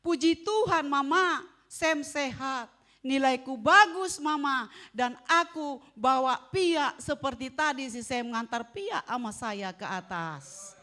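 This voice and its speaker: A woman preacher acting out a cheerful, polite young son who greets his mother warmly and eagerly. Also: high-pitched, animated, slow pace, full character voice.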